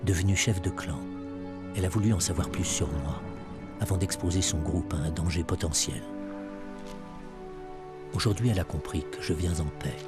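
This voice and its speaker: Deep male voice doing nature documentary narration, reverent delivery, music playing behind. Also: normal speed, pauses often. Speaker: diver and wildlife filmmaker narrating his encounters.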